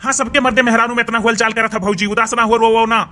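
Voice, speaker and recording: A man's voice: very high-pitched, little pitch movement, quick pace, sharp tone. A man voicing a teasing Awadhi village brother-in-law. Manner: teasing, mocking. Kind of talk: cartoon voice acting.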